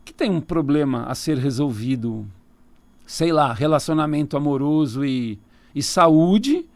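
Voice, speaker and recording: A man's voice: on the high side, lively intonation, unhurried, no echo. Brazilian man, tarot reader, conversational, explanatory, close dry mic. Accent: Brazilian Portuguese. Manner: explanatory, conversational, laughs easily. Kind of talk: casual radio interview. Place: radio studio.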